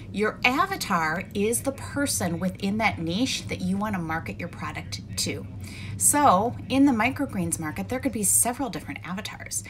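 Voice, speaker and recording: A woman's voice: fairly low pitch, a little hiss or hum. A middle-aged woman coaching online course creators in a casual, conversational explainer, walking through everyday examples. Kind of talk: casual explainer talk to camera.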